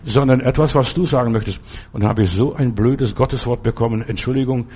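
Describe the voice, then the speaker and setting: A male preacher delivers a sermon with a slightly husky, breathy voice at a middle pitch. He speaks emphatically and turns often to the listener with direct questions and exhortations. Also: a little fast, a little mellow.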